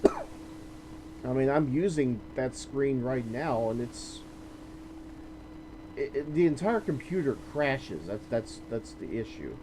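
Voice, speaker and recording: A man's voice: medium pitch, sing-song, slow pace, long pauses, background noise. A man streaming a game, chatting casually in a wry, joking way with restarts and trailing sentences. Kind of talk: casual chat while gaming.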